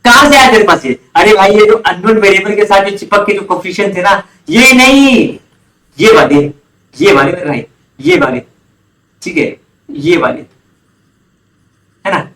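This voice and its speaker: Upbeat male tutor from India, high voice, roomy echo, drills terms by repetition. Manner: lively, quizzes students, repeats key terms. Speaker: commerce teacher. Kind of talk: online class lecture. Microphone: online class recording.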